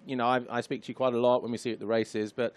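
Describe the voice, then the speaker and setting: A man's voice: medium pitch, flat delivery, rapid-fire. A man presenting a studio interview show, asking long, winding questions in a chatty way.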